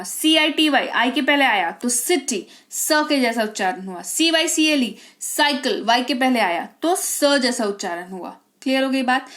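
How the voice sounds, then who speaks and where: Woman, English teacher, high-pitched, patient step-by-step explaining. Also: fairly bright tone. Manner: explains step by step, keeps checking understanding. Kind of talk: teaching pronunciation lesson.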